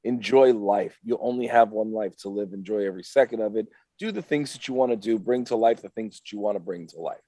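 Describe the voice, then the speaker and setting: A man's voice: fairly low pitch, a little fast, few pauses, dark tone, no room sound. A man talking as a guest on a podcast, upbeat and emphatic, with motivational swings in his speech. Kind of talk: casual podcast chat.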